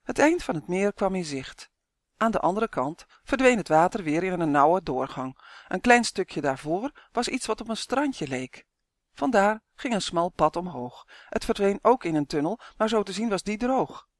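Steady, clear children's storybook narrator; mid-pitched, dry studio sound. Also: moderate pace, no echo. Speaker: audiobook narrator.

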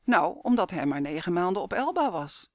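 A man's voice: high voice, big pitch swings, normal speed, no echo, studio quality. A man voicing a curious, eager young boy in a storybook reading.

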